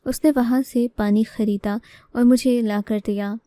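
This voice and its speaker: Brief: woman narrator for a moral storybook reading, earnest, slightly high pitch, warm mellow voice. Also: fairly even intonation, dry recording. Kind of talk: first-person story narration.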